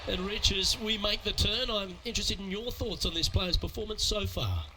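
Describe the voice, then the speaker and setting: A man working as the lead golf commentator in a sports video game, calling play in a measured, composed broadcast style. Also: high voice, lively intonation, background noise. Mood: composed, approving.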